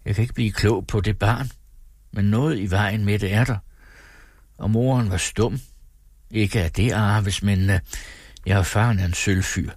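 A man's voice: lowish voice, a little mellow, husky, no room sound, studio quality. A man reading aloud, voicing a brooding, troubled middle-aged man who speaks earnestly and unsurely.

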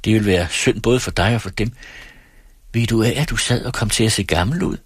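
A man voicing a teasing, restless young married woman in a read-aloud story, in a lightly mocking, quick manner. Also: on the low side, husky, no room sound.

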